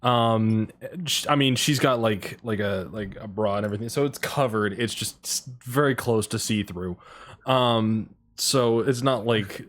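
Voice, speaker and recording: A man's voice: fairly low pitch, measured pace, fairly bright tone. A man narrating as game master, rambling with many ums and crude casual humor.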